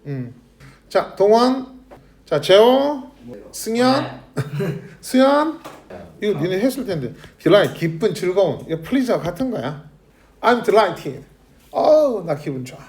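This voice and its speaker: A man's voice: sits high, slow pace, pauses often. A man teaching an English grammar lesson to a middle school class, constantly quizzing his students and calling on them by name. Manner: lively, questioning students constantly. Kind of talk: classroom lecture.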